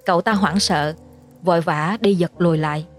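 A woman narrating a horror story in a measured storytelling manner. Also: lowish voice. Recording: faint music underneath.

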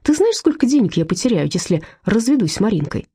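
A woman reading an audiobook voices a drunk, aggressive man who threatens and shouts. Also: mid-range voice, big pitch swings, fast, slightly rough, pitched above the performer's own voice. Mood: menacing.

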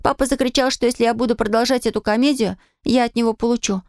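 A woman narrates a children's storybook in an expressive, fairly high voice with a gravelly edge. The recording is dry and close. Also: fast talker, no echo. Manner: lively, expressive reading in a child's first-person voice. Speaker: audiobook reader.

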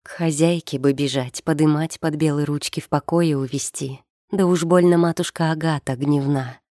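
A woman narrating an audiobook with measured, expressive storytelling. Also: low voice, no room sound, clean studio sound. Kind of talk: scripted narration.

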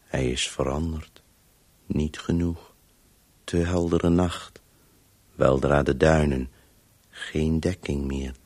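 In a radio play, a male actor voices a weary, disembodied Voice obsessively telling a story in halting, clipped, sometimes breathy fragments. The exaggerated voice rumbles low, steady and darkish, and the mood is bleak and halting.

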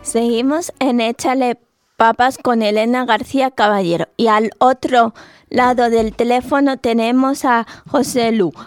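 Slow-talking female radio host. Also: a little high, no room sound, studio quality. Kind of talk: radio interview hosting.

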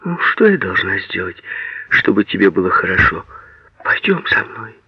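A man reading an audiobook, voicing a proud but tender young woman who speaks in a hushed whisper. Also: sits low, sing-song, moderate pace, husky, dry recording, dull audio, full character voice.

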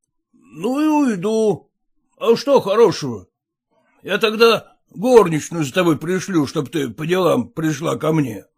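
A man voicing a pushy, coarse merchant who drawls low and insists, for an audiobook. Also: animated, measured pace, husky, heavily acted. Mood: insistent. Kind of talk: audiobook character voice.

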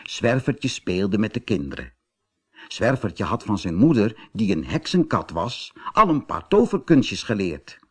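A man narrating a children's fairy tale audiobook in a slow, expressive storytelling manner. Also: on the low side, breathy edge.

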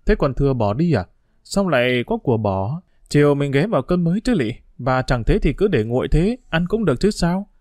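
Tích, a level-headed orphan boy as a man voices him, explaining and gently scolding in a steady, even voice close to the reader's own. The sound is dry and close, with no echo, in a storybook reading. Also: a little high, brisk. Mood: planning. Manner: calm, reasoning, mildly scolding. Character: sensible thrifty street boy, calm leader.

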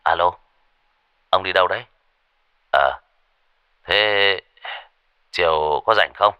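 A man voicing a calm ghost-hunting master who talks in a plain, offhand way. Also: sits low, slow pace, clean tone, no echo, highs cut off, pitched below the performer's own voice.

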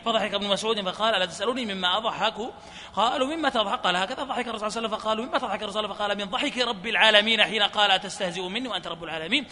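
Fast high-voiced man reciting hadith. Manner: reads fast in a flat chant, laughs softly at times. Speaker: hadith reader. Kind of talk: rapid recitation of hadith chains. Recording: reverberant hall with faint noise.

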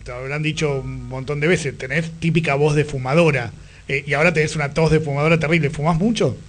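An Argentine man hosting a conversational radio interview, with informal, halting phrasing. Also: on the high side, steady tone. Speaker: radio host.

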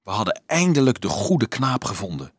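A man's voice: lowish voice, big pitch swings, moderate pace, breathy edge, no echo, clean studio sound. A man reading a remorseful middle-aged male swindler who pleads and confesses in an earnest, guilt-ridden way. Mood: recounting. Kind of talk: audiobook character voice.

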